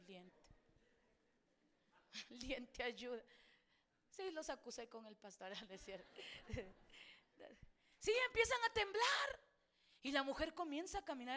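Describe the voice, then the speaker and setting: A middle-aged woman pastor with a Mexican Spanish accent, preaching a sermon and telling stories dramatically, swinging from loud declarations to near-whispers. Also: sits high.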